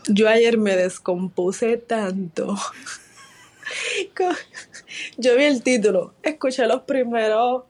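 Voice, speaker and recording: Giggly woman leaving a slow voice message. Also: medium pitch, slight background noise. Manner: giggly, excitable, mixes in English. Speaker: voicemail caller. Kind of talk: casual voice message.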